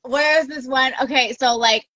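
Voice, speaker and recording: A woman guest on a podcast, chatting casually and telling animated stories, acting out quotes from others. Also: high voice, normal speed, no room sound, muffled recording. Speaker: podcast guest, ultra runner. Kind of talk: casual interview chat.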